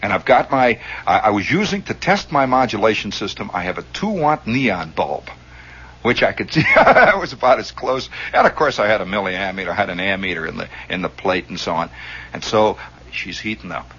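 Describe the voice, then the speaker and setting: A man telling a story in a radio monologue, animated and chuckling as he acts out the scenes, on a dull lo-fi recording. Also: fairly low pitch, moderate pace, husky.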